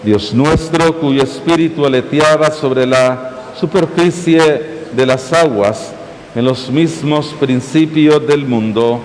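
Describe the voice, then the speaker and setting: Slow priest with long church echo. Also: male voice, on the high side. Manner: measured, solemn intoning. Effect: long cathedral-style church echo. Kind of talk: slow liturgical prayer at a baptism. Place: large church. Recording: echoey church, loud background hiss.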